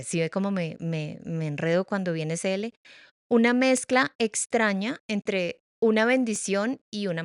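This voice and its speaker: A middle-aged woman talks through a reflective podcast monologue, recorded close and dry with no room sound. Her pitch sits in the middle, and she moves between slow, weighty phrases and quick, self-mocking asides. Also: no echo. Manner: expressive, playful, varies pace and loudness, stumbles self-mockingly. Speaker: podcast host.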